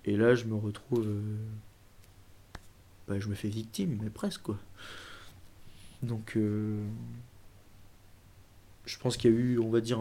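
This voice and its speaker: A man's voice: lowish voice, dark tone. Give me a young man around nineteen telling his story in a casual interview, rambling with lots of fillers and restarts. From France. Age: 19, young adult. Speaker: guest, junior BMX racer.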